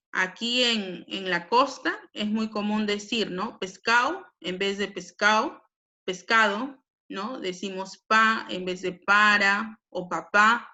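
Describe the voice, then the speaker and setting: Bright-voiced Peruvian woman teaching. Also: medium pitch, fairly even intonation, takes it slowly. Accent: Peruvian Spanish. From Peru. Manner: explanatory, frequent tag questions. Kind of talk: classroom lesson on language.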